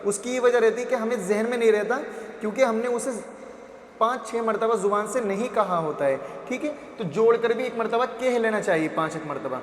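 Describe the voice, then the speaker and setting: Slow-chanting Quran-primer teacher man in echoey room. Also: high-pitched, slight background noise. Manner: slow drawn-out chanting of syllables between quick explanations; asks and answers his own questions.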